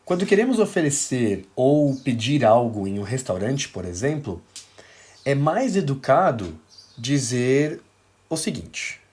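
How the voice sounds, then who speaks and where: A man with a Brazilian Portuguese accent teaching an English lesson on video, explaining slowly with examples and often checking in with a quick "ok?". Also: medium pitch, very animated, a little mellow.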